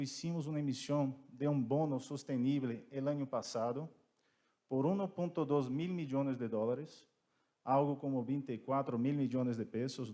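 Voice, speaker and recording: A man with a Brazilian Portuguese accent giving panel remarks in careful, deliberate Spanish mixed with Portuguese, as a native Portuguese speaker. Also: mid-range voice, warm tone. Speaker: petrochemical company representative, panelist. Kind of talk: prepared remarks at a conference panel.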